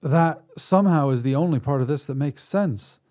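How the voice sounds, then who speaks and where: A man voicing a blunt, incredulous young woman with a high, raised voice. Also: normal speed, a little mellow, lightly acted.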